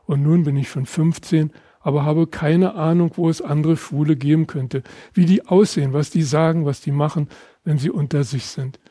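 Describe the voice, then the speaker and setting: Older man reading his memoir, mellow. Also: fairly high pitch, steady tone, no echo, studio quality. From Berlin. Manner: measured, reflective storytelling. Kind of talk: reading aloud from his own book.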